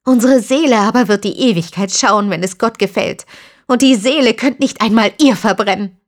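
A woman's voice: a little high, moderate pace, voice pushed up, lightly acted. A woman voicing a defiant, devout young woman in an audiobook, speaking earnestly and intensely. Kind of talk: audiobook character reading.

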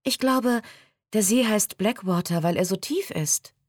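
A woman voicing a brisk, upbeat teenage girl who reads the map and explains the route, in a raised, bright voice. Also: mid-range voice, dry recording, clean studio sound, voice pushed up, close to an everyday voice. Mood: explaining.

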